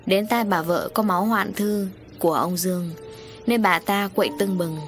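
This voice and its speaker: A woman reading a story aloud as an audiobook narrator, in a steady storytelling voice. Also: mid-range voice, moderate pace, faint music behind.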